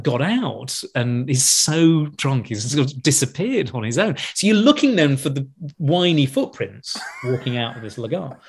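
A man, a wine expert, telling a lively anecdote on a podcast, acting out other people's lines and laughing as he goes. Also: a little high, husky. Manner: animated storyteller, acts out quotes, laughs mid-sentence.

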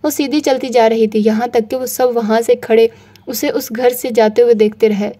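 Mellow-voiced woman reading a novel. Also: fairly high pitch, moderate pace. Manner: steady storytelling. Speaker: audiobook narrator.

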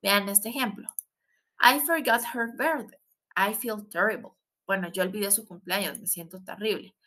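A woman with a bright, mid-range voice teaches English in a recorded online lesson, explaining in Spanish, modeling English words slowly and adding tag questions.

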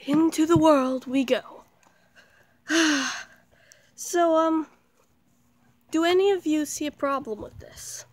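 A young woman from Canada, hoarse with the flu, chatting in a self-mocking way as she vlogs outdoors. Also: high-pitched, slow pace, pauses often. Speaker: vlogger. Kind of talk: casual vlog while walking outdoors. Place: outdoors in a small town.

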